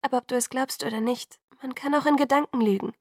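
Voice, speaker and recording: A woman's voice: high voice, fairly even intonation, quick pace, darkish tone, no room sound, studio quality, voice pushed up. A woman voicing an anxious young woman who speaks urgently and often drops to a whisper. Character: anxious young woman pleading in hushed tones.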